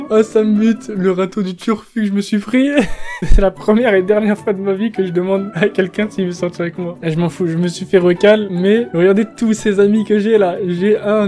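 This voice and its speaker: A man in his twenties giving casual gaming commentary, excitable and slangy, laughing often and bursting into shouts. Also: high voice. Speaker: gaming YouTuber.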